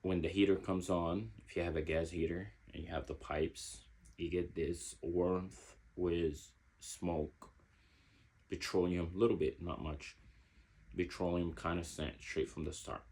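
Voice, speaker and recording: Male reviewer, low-pitched and slightly husky, talking things through slowly. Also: level tone, darkish tone. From Egypt. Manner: reflective, searching for words. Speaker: fragrance reviewer. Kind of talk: casual product review.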